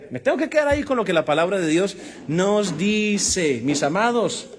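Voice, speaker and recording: His voice sits high and animated, yet he speaks without hurrying. The man is a preacher giving a sermon-style Bible lesson to a congregation, emphatic throughout and calling out rhetorical questions and amens.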